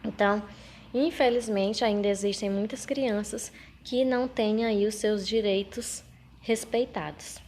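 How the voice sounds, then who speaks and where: A woman teacher from Brazil giving a recorded lesson to children, reading out questions slowly and with emphasis. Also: medium pitch, steady tone, a little mellow. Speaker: schoolteacher.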